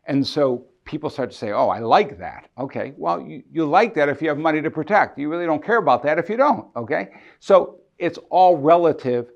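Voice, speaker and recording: A man's voice: fairly high pitch, expressive, a little fast, vocal fry, hardly any pauses, lo-fi sound. A man, an estate planning attorney, explaining legal documents to camera. He asks questions and answers them himself, often checking in with "right?".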